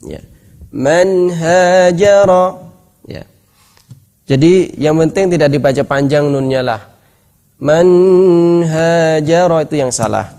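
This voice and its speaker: A man with an Indonesian accent teaching tajwid. He explains each rule and then recites the examples slowly, repeating them. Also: on the high side, dark tone. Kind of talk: tajwid lesson with chanted examples.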